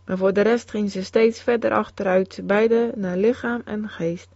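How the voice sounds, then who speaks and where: A woman giving a solemn, measured scripted narration of a religious memoir. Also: medium pitch, steady tone, darkish tone, no echo. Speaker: reader. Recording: dull, dry close recording.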